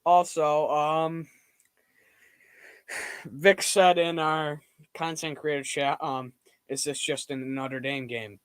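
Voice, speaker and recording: A young man chatting casually on a live stream from home while standing and moving around, so his voice drifts nearer and farther from the microphone. He rambles and reacts out loud. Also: fairly high pitch, flat delivery, slow pace, pauses often, smooth, dry recording. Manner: rambling, reacts loudly to plays.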